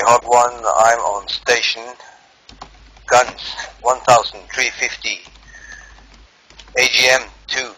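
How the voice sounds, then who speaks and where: A man's voice: mid-range voice, rough recording. A man making clipped military radio calls as a pilot in a game, heard through an in-game radio with static clicks. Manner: loud, clipped call-sign talk.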